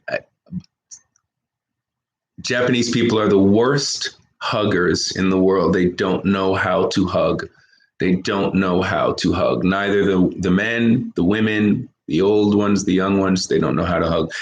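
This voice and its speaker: Deliberate American man in a roomy room. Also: on the low side. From United States. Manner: emphatic, repeats key phrases, lists words one by one. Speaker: vlogger. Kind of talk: opinionated monologue to camera. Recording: roomy echo.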